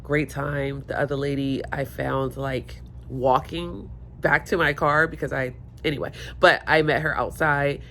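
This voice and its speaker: Speaking in a low, slightly bright voice, a woman vlogs casually into her held or propped phone in a home room by the windows. She rambles chattily and mocks herself while stuffy and hungover, with a little hiss or hum underneath.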